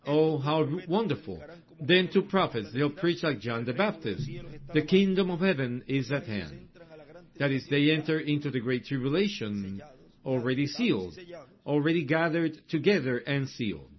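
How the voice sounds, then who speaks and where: A man's voice: medium pitch, sing-song. Man preaching over a dull recording. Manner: deliberate, repeating phrases with emphatic asides. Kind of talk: sermon teaching from a book of quotations.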